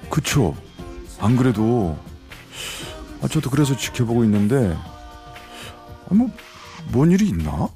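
A man's voice: mid-range voice, very animated, slow pace, long pauses, mellow, faint music behind. An actor playing a flustered young male shop clerk who stammers, in a radio drama.

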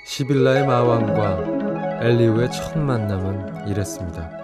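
A man narrating a dark fantasy radio drama as a grave, solemn storyteller. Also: lowish voice, measured pace, over loud music, close to an everyday voice.

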